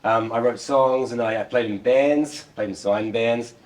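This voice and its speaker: His pitch is medium and his pace a little slow as this middle-aged man with a New Zealand accent delivers a relaxed, self-mocking tech talk full of repeated words. He's a software developer at a laptop beside a screen in an indoor meeting room, captured by a distant room microphone.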